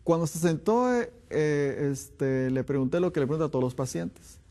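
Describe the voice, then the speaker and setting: A man's voice: a little high, moderate pace, warm tone. A man, a doctor, giving a health lecture, firing off rhetorical questions with emphatic delivery.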